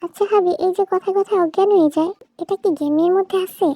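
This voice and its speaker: A woman's voice: very high voice, fairly even intonation, quick pace, mellow, no echo, pitched above the performer's own voice. A woman voicing a naive, chatty little girl bride in a storybook drama, asking question after question in a whiny tone.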